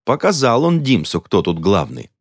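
A man voicing a sharp-tongued, gossipy woman who snaps back and boasts. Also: lowish voice, wildly swooping pitch, normal speed, no echo, clean studio sound, pitched above the performer's own voice, full character voice. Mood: gloating. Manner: snappy, boastful.

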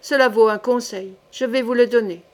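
A woman reading a gruff, blustering middle-aged male captain in an audiobook, grumbling and swearing. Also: fairly high pitch, moderate pace, a little mellow, close to an everyday voice.

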